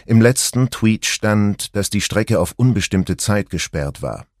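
A man narrating an audiobook in a calm, even storytelling manner. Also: fairly low pitch, unhurried, no echo, clean studio sound. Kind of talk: scripted narration.

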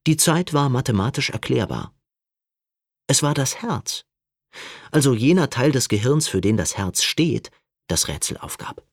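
A male audiobook narrator with a lowish voice reads scripted narration in an expressive, measured storytelling style. The recording is dry, with clean studio sound.

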